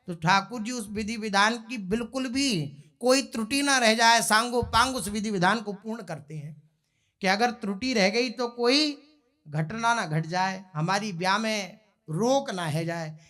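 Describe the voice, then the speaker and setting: A man telling a devotional story, breaking into chanted couplets and then explaining them in an animated way. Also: high voice, a little slow. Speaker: religious storyteller.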